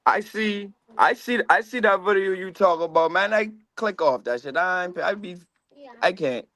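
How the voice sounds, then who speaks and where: A man's voice: high voice, normal speed, sharp tone, dry recording. A man in casual chat, slangy and joking, often repeating himself.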